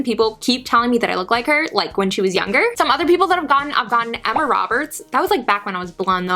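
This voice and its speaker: A woman's voice: on the high side, sharp tone. A young woman in her twenties chatting casually to her viewers in a Q&A vlog, bubbly and full of "like". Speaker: YouTuber.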